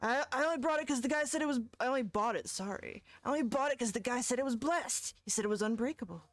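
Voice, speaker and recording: A woman's voice: fairly high pitch, fast, no echo, voice pushed up, close to an everyday voice. A twitchy, drawling surfer-type fortune teller yelps in a voice pushed far above its natural register, as a woman puts him on. His whiny, dopey delivery wobbles between laid-back and panicked. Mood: baffled. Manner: drawling, frantic Shaggy-like whine.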